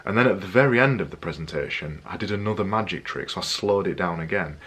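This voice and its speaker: A young man talking casually to camera in an energetic, jokey way, giving tips on presenting. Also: sits low, fast talker, slightly rough. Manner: energetic, jokey, repetitive emphasis.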